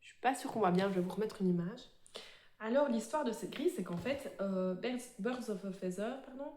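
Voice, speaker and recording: A woman chatting casually to camera about her embroidery, full of fillers and quick self-corrections. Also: medium pitch, darkish tone. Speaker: cross-stitch vlogger. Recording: echoey room.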